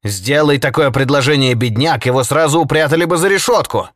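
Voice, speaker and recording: A man voicing a furious male socialist agitator who shouts indignant tirades. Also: medium pitch, a little fast, dry recording, clean studio sound, pitched above the performer's own voice, close to an everyday voice.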